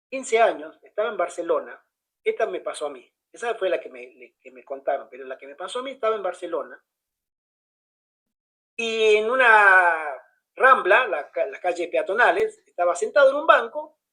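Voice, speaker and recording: Man telling a story, casual chat, animated, does everyone's voices. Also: sits high, moderate pace, slightly rough, low-quality recording. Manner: animated, acts out the dialogue of others. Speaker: pastor.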